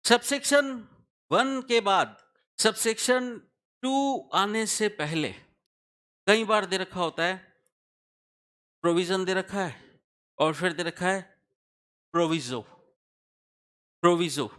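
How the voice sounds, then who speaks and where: Male lecturer, measured delivery, higher than usual pitch, patient explainer who checks in with students. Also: fairly bright tone. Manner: explains step by step, often asks the class questions and checks understanding. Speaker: tax law lecturer. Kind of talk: classroom lecture.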